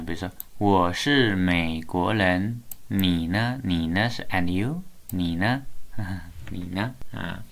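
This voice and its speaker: A woman teaching a live one-on-one Chinese lesson over a video call, patient, repeating words slowly, mixing Chinese and English and laughing often. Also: rumbling low, creaky, a little hiss or hum.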